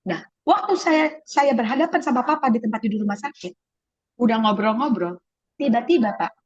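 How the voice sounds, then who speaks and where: A middle-aged woman giving a personal faith testimony as an interview guest, telling her story in an animated way and acting out the voices she quotes. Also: fairly high pitch, fairly quick, no room sound. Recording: dull lo-fi sound.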